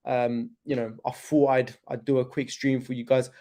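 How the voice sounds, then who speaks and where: Brief: young man, casual crypto stream host, mellow tone, fillers and slang, hip hurting. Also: mid-range voice, level tone, moderate pace. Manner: chatty, laid-back, loose with slang and fillers. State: in pain from his hip. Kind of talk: casual livestream chat.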